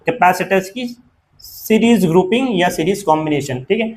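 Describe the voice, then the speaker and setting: A man's voice: high-pitched, animated, normal speed, poor audio. A man teaching a physics class, lecturing in with terms and often checking that his students follow. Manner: repeats questions, keeps asking "clear?" to students.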